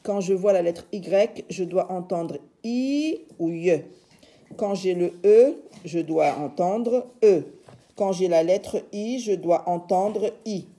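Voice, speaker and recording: A woman's voice: lowish voice, slow pace, warm tone. A woman teacher giving a reading lesson, patiently sounding out letters and syllables one by one.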